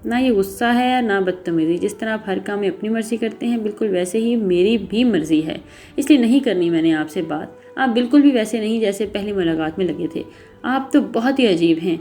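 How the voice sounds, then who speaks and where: A woman's voice: fairly high pitch, hardly any pauses, darkish tone, close to an everyday voice. Woman voicing a fiery, proud young woman. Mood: indignant. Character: spirited young woman, proud and quick to anger. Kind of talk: audiobook character reading.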